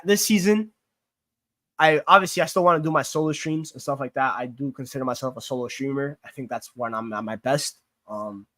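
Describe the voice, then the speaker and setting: Born in Greece and raised in New York, this young man speaks with a Queens accent in a medium-pitched, slightly bright voice. He chats casually on a livestream, answering viewer questions while rambling with lots of fillers and restarts. There's no echo.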